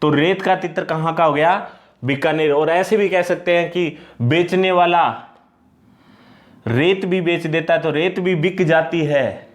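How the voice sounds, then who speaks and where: Male teacher, slightly raised pitch, repeats himself, quizzes and answers himself. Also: steady tone, measured pace. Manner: repetitive, explains by asking and answering itself. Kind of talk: exam-prep lesson with memory tricks.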